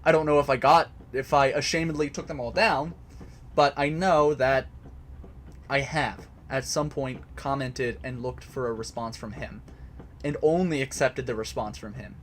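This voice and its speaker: A man's voice: medium pitch, normal speed, a little hiss or hum. A man casually explaining a topic to a live chat from a home basement recording area, hesitant, with many fillers and restarts. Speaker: host answering chat.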